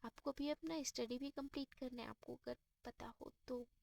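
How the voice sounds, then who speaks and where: Lady reading a chill reassuring young woman, teasing a bit, raspy fry in it. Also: sits high, fairly even intonation, normal speed, a little mellow.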